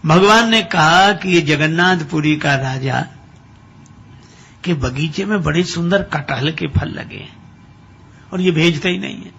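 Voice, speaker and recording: A man narrating a devotional story in a lively way, chuckling as he goes. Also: a little high, unhurried, creaky, long pauses, slight background noise. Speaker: religious storyteller. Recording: dull lo-fi recording with faint ambience.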